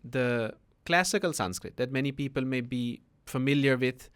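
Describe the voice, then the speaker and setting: A man's voice: medium pitch, normal speed, fairly bright tone, smooth. A man, a guest spiritual teacher explaining things patiently on a podcast, often tagging his sentences with a questioning "no?". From Netherlands.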